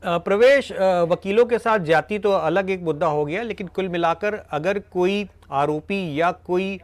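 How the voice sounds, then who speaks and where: Studio anchor, man, slightly high pitch, formal and measured. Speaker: news anchor. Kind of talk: studio news reading and questioning.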